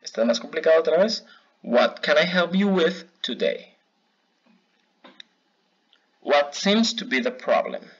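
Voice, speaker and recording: A man teaching a bilingual customer service English lesson, modeling phrases slowly for learners to repeat. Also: a little high, expressive. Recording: dull lo-fi recording.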